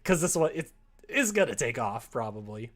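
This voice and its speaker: A man live-streams himself writing and coding a visual novel, chatting casually and playfully with joking asides and occasional mumbling to himself. His mid-range voice swings widely in pitch, moving at normal speed with a fairly bright tone.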